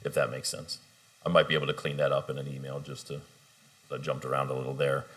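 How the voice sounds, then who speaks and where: A man with a very deep, low voice speaks for a union coalition at a bargaining table. He talks in a measured, deliberate way and slows down to spell out his data requests clearly. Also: little pitch movement, a bit bright. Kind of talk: formal negotiation statement.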